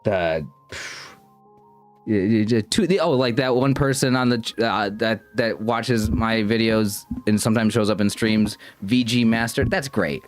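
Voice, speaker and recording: A man's voice: lowish voice, measured pace, soft background music. A young man streaming and chatting casually with his viewers, rambling and self-conscious, often stumbling and restarting his sentences. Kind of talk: casual livestream chat with viewers.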